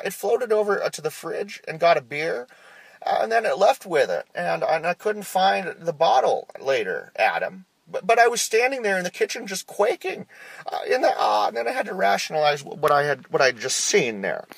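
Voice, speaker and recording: A man's voice: on the high side, vocal fry, husky, dry recording, full character voice, rough recording. A man voicing a nervous, quirky male publisher who rambles and stammers through a phone voicemail message. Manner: hesitant, stammering, full of uh's, oddly deadpan rambling. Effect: played back as a phone voicemail message.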